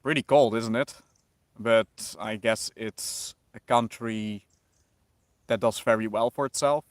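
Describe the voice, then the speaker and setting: A man from the Netherlands, speaking slowly in a fairly low voice, casually responds to his livestream chat, reading it aloud and musing over questions. A slight background noise sits under his lightly Dutch-accented speech.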